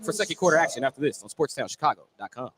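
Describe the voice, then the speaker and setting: Very fast and lively in intonation, a medium-pitched man provides live radio play-by-play from courtside at a school gym basketball game. He lays out each move in short, detailed phrases over a noisy live broadcast.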